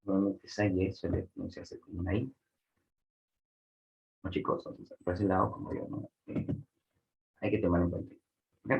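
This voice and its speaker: A man with a Peruvian Spanish accent gives a relaxed online language lesson. His voice sits very low with a gravelly fry, and he keeps checking in with students. The recording sounds muffled and lo-fi. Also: normal speed, long pauses. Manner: explains with frequent checks like "¿no?" and fillers "este". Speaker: language teacher. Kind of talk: online class lecture.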